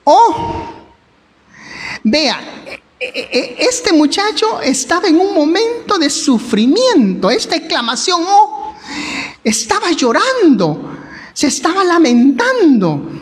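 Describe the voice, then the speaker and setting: Salvadoran woman preacher, high and animated, emphatic sermon delivery, reverberant church sound. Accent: Salvadoran Spanish. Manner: slow, emphatic preaching that dramatizes quoted voices. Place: church hall. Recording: long church hall reverb.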